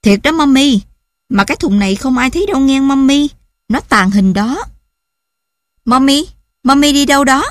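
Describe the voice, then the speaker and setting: A woman's voice: high voice, moderate pace, pauses often, no echo, clean studio sound, pitched above the performer's own voice, close to an everyday voice. A woman voicing a playful, stubborn seven-year-old child who chatters eagerly and pleads.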